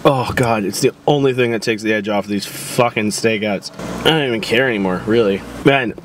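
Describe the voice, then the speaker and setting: A man's voice: fairly low pitch, normal speed, noisy background, close to an everyday voice. A man playing a drunk, heartbroken detective. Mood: drunk weepy. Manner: rambling, crude and self-pitying, swearing often. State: drunk and weepy. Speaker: comedy web host playing a detective. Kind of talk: improvised comedy monologue. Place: parked car.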